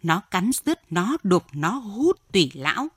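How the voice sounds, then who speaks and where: Woman with a low voice narrating a story. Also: a little slow, breathy edge, no echo, clean studio sound. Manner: expressive, dramatic storytelling. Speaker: audiobook reader.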